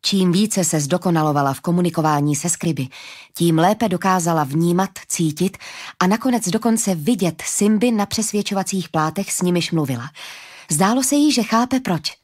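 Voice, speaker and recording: A woman narrating a fantasy audiobook in a steady, even storytelling manner. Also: fairly low pitch.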